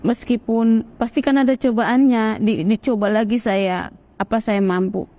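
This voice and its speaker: A woman from Sumatra gives a personal testimony in an earnest, animated way. Her voice sits somewhat high for a woman. She slips into other people's voices when she quotes them. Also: moderate pace.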